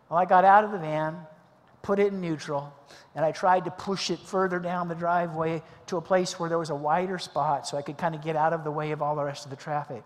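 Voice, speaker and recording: Man, middle-aged pastor, storytelling sermon, high voice, long hall reverb, animated dialogue. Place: church sanctuary.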